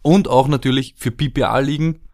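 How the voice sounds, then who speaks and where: A man's voice: mid-range voice, normal speed, a little mellow. A man co-hosting a casual fantasy football podcast, rambling and laughing easily. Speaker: podcast co-host.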